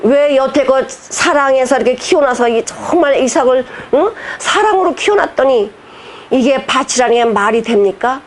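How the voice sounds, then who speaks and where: A woman's voice: high-pitched, expressive, normal speed, a little hiss or hum. A woman pastor giving a heartfelt sermon, firing rhetorical questions at the congregation, her voice sometimes catching with emotion. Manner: impassioned preaching, voice catching with emotion.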